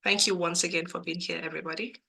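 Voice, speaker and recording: A Nigerian career coach hosts a live webinar over a video call, her lowish voice fast, creaky, bright, and forceful, with fairly even intonation. She's earnest and repeats herself for emphasis, and a cold has left her voice a bit cracked. It's picked up by a computer mic.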